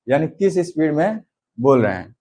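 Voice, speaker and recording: A man teaching a class at an unhurried pace, explaining step by step. His voice is mellow and dark, with a slightly husky edge. He lifts and drops his pitch to show examples. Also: very animated, low-quality recording. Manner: slow, unhurried explaining with demonstrative pitch changes. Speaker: commerce teacher. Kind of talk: classroom lecture.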